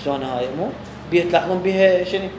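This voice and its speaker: A man's voice: high voice, rapid-fire. A man with an Iraqi Arabic accent teaching a religious text, asking questions and answering them himself. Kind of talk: explaining a jurisprudence text to students. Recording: echoey room with faint background hum.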